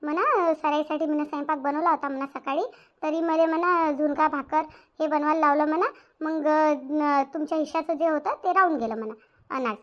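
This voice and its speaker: Lightly acted and high-pitched, a woman's fairly quick delivery brings to life an indignant young village daughter-in-law from a Marathi domestic cartoon. Speaking with a rural Varhadi Maharashtra accent, the character is outspoken, complaining and caring; the audio is dull.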